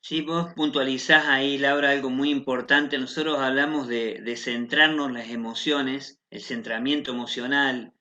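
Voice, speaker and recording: A man's voice: medium pitch, steady tone, moderate pace, hardly any pauses, bright, forceful tone. Man, Rioplatense accent, panelist, reflective, fillers, muffled audio. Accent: Rioplatense Spanish. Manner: reflective, with frequent fillers like "este". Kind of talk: panel discussion.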